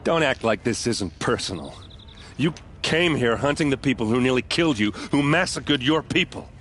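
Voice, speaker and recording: An actor playing a grieving soldier in a video game, speaking in a blunt and insistent way. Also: male voice, medium pitch, animated, normal speed, a bit bright, a little hiss or hum, natural voice. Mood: insistent, aggrieved. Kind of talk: video game dialogue acting.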